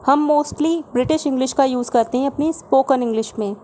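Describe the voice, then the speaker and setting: A woman from India teaching an English vocabulary lesson in Hindi, explaining each word slowly and going back over the pairs. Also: high-pitched, mellow, slight background noise. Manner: slow, explanatory, repeats each word pair.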